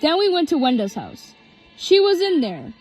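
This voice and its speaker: A woman reading her own homemade story aloud, in a halting way with restarts. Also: high voice, wildly swooping pitch, darkish tone, faint music behind.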